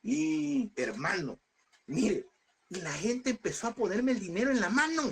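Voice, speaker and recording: A man's voice: high-pitched, sing-song, measured pace, vocal fry, a little hiss or hum. A man teaching a Bible seminary class, earnest and calling his listeners brother as he tells a personal testimony.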